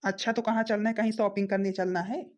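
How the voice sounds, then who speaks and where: A woman voicing a gentle, obedient young husband in a cartoon. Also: mid-range voice, flat delivery, fast, highs cut off, close to an everyday voice. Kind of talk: cartoon voice acting.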